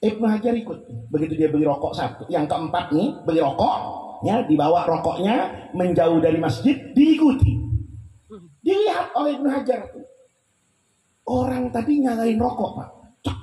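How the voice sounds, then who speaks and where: Lively joking male preacher, echoey. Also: high-pitched, moderate pace. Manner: lively, jokey, animated retelling. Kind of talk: humorous sermon storytelling. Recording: roomy with faint hum.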